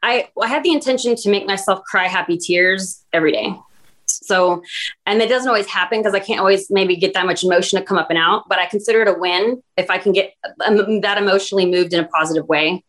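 Fast-talking earnest woman guest. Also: mid-range voice, fairly bright tone. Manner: earnest, rambling, heavy use of "like". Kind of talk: casual podcast conversation.

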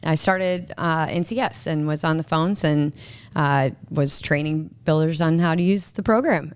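Low, smooth-voiced woman guest. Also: a little mellow. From Minnesota. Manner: chatty, with frequent fillers and restarts. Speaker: podcast guest. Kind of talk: casual podcast chat.

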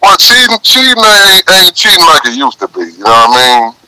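A man's voice: a little high, sing-song, brisk, sharp tone, poor audio. A man calling in over a speakerphone, chatting casually and in slang, often asking "you know what I'm saying". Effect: heard over a speakerphone. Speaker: caller. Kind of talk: casual call-in chat.

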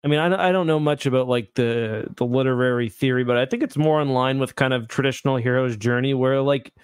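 A man's voice: medium pitch, fairly quick, smooth, no room sound. Man chatting on a dry close mic. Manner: rambling, self-correcting explanations. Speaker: podcast co-host. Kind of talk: casual chat.

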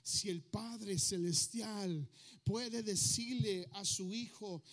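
A male pastor preaching a sermon to his congregation, switching between two languages and asking the listeners questions. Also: high-pitched. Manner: switches between Spanish and English, asks the crowd questions.

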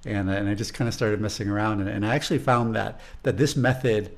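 A man's voice: on the low side, steady tone, fairly quick, vocal fry. A man with a Chicago accent who teaches music, talking casually in an interview. He is thoughtful and rambling, and often repeats words as he gathers his thoughts.

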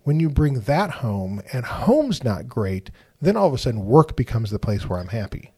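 A man in a faith-based podcast conversation. He talks in an animated, emphatic way, restarts words and keeps checking in with "right?". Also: medium pitch, normal speed, breathy edge.

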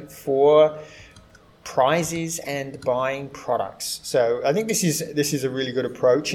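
Male analyst, echoey room at a conference venue, measured podcast chat, mid-pitched voice. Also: a little mellow, a little hiss or hum. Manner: measured and chatty, with frequent "uh" pauses. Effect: echoey room sound. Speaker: podcast co-host and video industry analyst.

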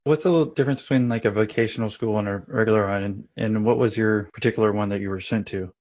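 A man interviewing a guest, asking curious, quick questions. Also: fairly low pitch, steady tone, darkish tone.

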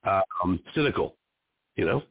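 A man's voice: sits low, lively intonation, unhurried, husky, no room sound. A man hosting his own independent show, asking long, rambling questions in a loose, conversational way. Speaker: host and producer of an independent show. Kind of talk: interview hosting. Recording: dry, tinny phone-line sound.

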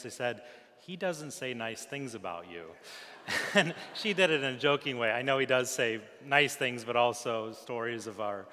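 A man's voice: medium pitch, bright, forceful tone. A male priest addresses a congregation at Mass in a mid-range voice. His words ring through a large church, carrying a long, cathedral-like echo. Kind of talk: gospel reading and homily.

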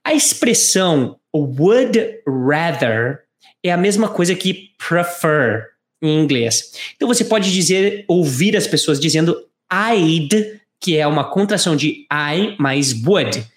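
Slow, lively woman teaching English. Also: low-pitched, echoey room. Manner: slow, careful model phrases for repeating. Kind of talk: bilingual language lesson with repetition drills.

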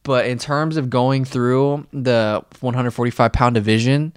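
Young man, podcast host, casual rambling chat, smooth clear voice, dry close sound. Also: medium pitch, fairly even intonation, unhurried, no room sound. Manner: chatty, rambling, laughs often.

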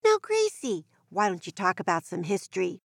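A woman voicing a perky, excitable, curious gray cat in a broad singsong children's-theatre delivery for a scripted educational kids' show. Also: mid-range voice, normal speed, gravelly, dry recording, studio quality, full character voice. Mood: excited, playful.

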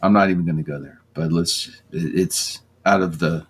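A man's voice: deep voice, fairly even intonation, moderate pace, slightly rough. A man hosting a casual podcast, joking and chatty. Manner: joking, chatty, laughs between remarks.

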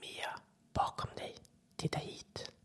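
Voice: mid-range voice, gravelly, dark tone, slightly rough. A narrator in a whispered role-play, voicing a lurking creature that coaxes a child with a borrowed boy's voice. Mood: luring. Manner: coaxing whisper. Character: lurking creature mimicking a boy's voice, sly and luring.

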